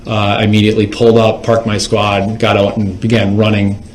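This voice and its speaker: An echoey courtroom carries the fairly low voice of a man on the witness stand. He is a police officer giving testimony in formal, procedural phrasing, measured and factual. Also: monotone. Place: indoors in a courtroom.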